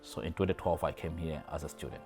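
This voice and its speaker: A man's voice: very deep voice, fairly even intonation, fast, darkish tone, soft background music. A man with a Malawian accent, giving plain facts about his years abroad. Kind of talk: documentary interview.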